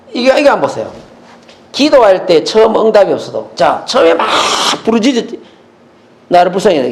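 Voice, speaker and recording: Animated high-voiced male pastor preaching. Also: roomy sound. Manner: animated preaching, asks the congregation questions. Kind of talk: sermon. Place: church.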